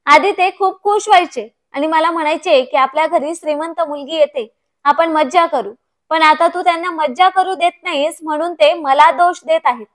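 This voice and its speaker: A woman's voice: extremely high pitch, moderate pace. A woman voicing a young married son who defends himself and blames his parents. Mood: defensive. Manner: defensive, accusing.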